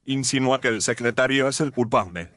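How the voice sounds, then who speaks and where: A man's voice: medium pitch, brisk, fairly bright tone, dry recording, lightly acted. A man playing an impatient police inspector who talks bluntly and grumbles. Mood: grumbling.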